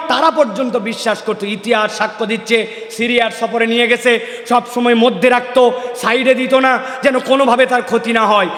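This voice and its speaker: A high-pitched man preaches a sermon to a large gathering. He speaks with passion and rises to shouts at times. His voice rings through a roomy space with a long reverb. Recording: echoey hall, long reverb.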